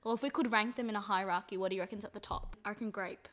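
A woman co-hosting a casual chat whose dry delivery sounds sarcastic even when she is sincere. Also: mid-range voice, rapid-fire. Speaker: podcast co-host.

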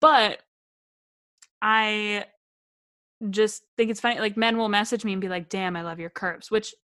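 A young woman co-hosts a podcast in easy, casual chat. She keeps breaking into laughter while she retells a story and reads messages aloud. Her voice sits at an ordinary middle pitch. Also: steady tone, measured pace, fairly bright tone. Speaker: podcast co-host.

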